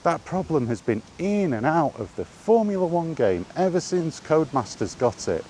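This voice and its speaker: In a slightly high, sing-song and somewhat mellow voice at normal speed, a British man talks off the cuff like a gaming vlogger out walking. His rant is exasperated and sweary, built on repetitive rhetorical questions, with clear outdoor background noise.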